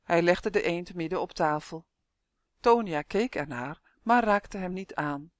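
A narrator reads a children's story in an even, middle-pitched voice. The sound is dry and close, with no room around it, and the voice climbs a little whenever a character speaks. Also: unhurried, dry recording. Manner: lifts the voice for characters' dialogue. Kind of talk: storybook reading.

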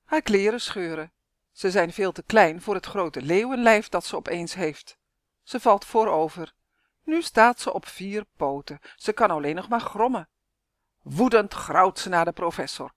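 A woman reading a children's story aloud, lively and acting out the characters. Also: medium pitch, measured pace, no room sound, studio quality.

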